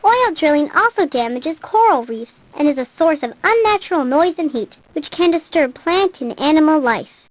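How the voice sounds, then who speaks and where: High-pitched woman narrating a nature documentary. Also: expressive, moderate pace, hardly any pauses, rough recording. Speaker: narrator of a children's educational nature program.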